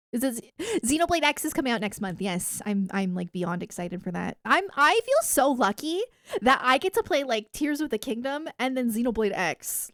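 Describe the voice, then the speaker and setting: A video game livestreamer chats casually with her viewers, enthusiastic and emphatic in typical gamer fashion. Her fairly high, fairly bright voice is captured in studio quality with no room sound.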